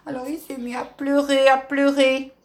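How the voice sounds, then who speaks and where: A woman's voice: high voice, flat delivery, moderate pace, pitched above the performer's own voice. A woman voicing a kind, protective dog in a children's storybook, talking in a soothing, pleading way. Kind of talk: storybook character voice.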